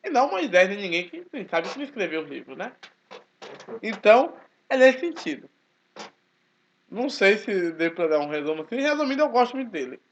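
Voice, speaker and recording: A man, talking casually to his channel in a forceful, emphatic way. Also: high voice, brisk, long pauses. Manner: speaks forcefully, animated and emphatic. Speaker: channel host, Baptist churchgoer. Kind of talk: casual spoken commentary. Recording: dull lo-fi recording.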